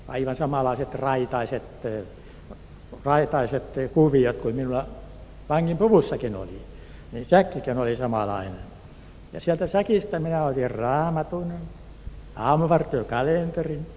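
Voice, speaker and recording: A man from Turku, Finland, telling a personal testimony in an earnest, unhurried way and acting out the voices of the people in his story. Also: on the high side, dark tone. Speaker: speaker giving a personal testimony. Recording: echoey hall, faint background noise.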